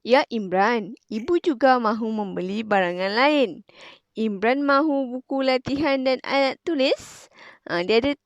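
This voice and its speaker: A Malaysian woman, a primary school teacher, explaining a grammar lesson in a clear, patient way and stressing key words. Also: a little high, lively intonation, measured pace, no echo, highs cut off.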